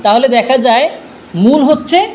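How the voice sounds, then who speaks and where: Male teacher, very high voice, drills by question and answer, faint background noise. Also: expressive, moderate pace. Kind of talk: classroom grammar lesson.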